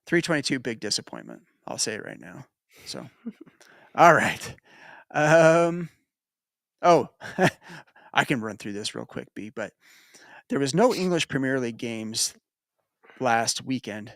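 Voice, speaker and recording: A man's voice: medium pitch, big pitch swings, slow, pauses often, fairly bright tone, no room sound. Rambling American man, dry close sound. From United States. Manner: rambling, self-correcting, chuckles. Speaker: podcast host. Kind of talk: casual sports betting chat.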